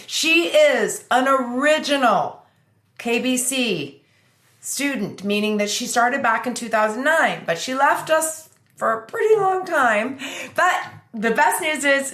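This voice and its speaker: A woman hosts a casual podcast, chatty and upbeat, rambling a bit and restarting as she goes. Her voice is a little high with a sharp tone, and the recording has a roomy echo.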